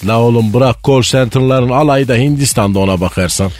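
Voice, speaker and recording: A man's voice: medium pitch, a little fast, a little mellow, slight background noise. A man with a Malatya Turkish accent, co-hosting a comic radio show in drawling, regional banter.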